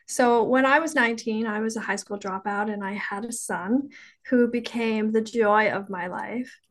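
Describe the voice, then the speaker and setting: Hoarse raspy woman w a cold, kinda high pitched, chatty rambling podcast host. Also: a bit bright. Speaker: podcast host and psychiatry professional. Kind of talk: podcast intro and interview chat.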